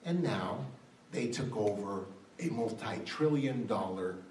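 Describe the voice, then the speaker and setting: The voice is fairly low and a little mellow, measured in pace with lively intonation, as a man gives an impassioned political speech to an audience, using rhetorical questions and building to strong climaxes. It was recorded in a roomy hall by a distant mic, with faint ambience and some hiss or hum.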